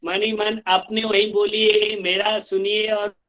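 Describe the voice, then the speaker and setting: A male yoga teacher in an online class, chanting Sanskrit sutras line by line with careful, drawn-out pronunciation for students to repeat, heard over a video call. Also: sits high, completely flat delivery, fairly bright tone.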